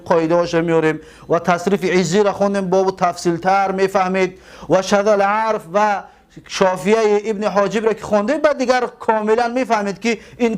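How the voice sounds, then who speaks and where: A man gives a classroom lecture as a religious teacher. He asks the class questions, answers them himself, and stretches out and repeats example words slowly. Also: high voice, clear, resonant tone.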